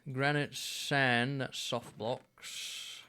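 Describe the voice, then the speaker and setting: A man in his thirties streaming a game, musing aloud in a relaxed way with plenty of fillers. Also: medium pitch, extremely slow, clean tone. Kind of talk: casual gameplay commentary.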